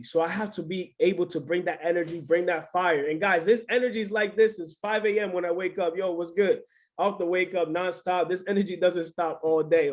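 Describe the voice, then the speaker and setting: High-voiced, hyped-up male trainer. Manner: hyped, energetic, peppers talk with "right?". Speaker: business trainer. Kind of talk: motivational training talk on a video call.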